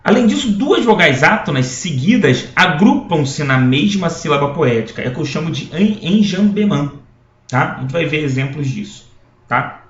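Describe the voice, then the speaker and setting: A man's voice: fairly high pitch, animated, normal speed. A man teaching a school poetry lesson, explaining step by step and often checking in with his students. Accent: Brazilian Portuguese. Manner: explanatory, with frequent checking tags and restarts. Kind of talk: recorded classroom lecture. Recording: echoey room, dull lo-fi sound.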